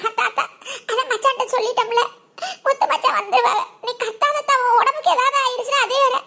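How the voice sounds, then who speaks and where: Cartoon casting: a woman playing a fretful young wife, high and bright, Tirunelveli Tamil accent. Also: steady tone, quick pace, creaky, a little hiss or hum, exaggerated voice. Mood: soothing. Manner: pleading, anxious. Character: worried young village wife, tearful and pleading. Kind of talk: cartoon voice acting.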